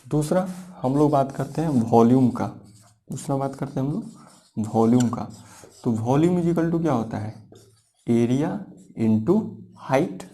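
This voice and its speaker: A man's voice: mid-range voice, warm tone. A man teaching a physics class, explaining step by step, repeating key points and asking rhetorical questions. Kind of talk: classroom lecture.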